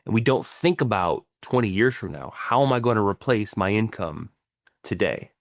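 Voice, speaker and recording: With lively intonation and a voice on the low side, a middle-aged financial planner co-hosts a podcast at a normal speed. He chats casually about ideas, often restarting and adding "right?" tags. The sound is clean studio audio with no room sound.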